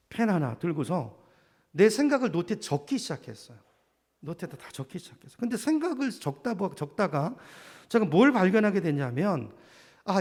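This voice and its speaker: Gravelly high-pitched male pastor preaching. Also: a little mellow. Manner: conversational preaching, rising to fervent emphasis. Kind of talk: sermon. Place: church sanctuary. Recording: reverberant church hall.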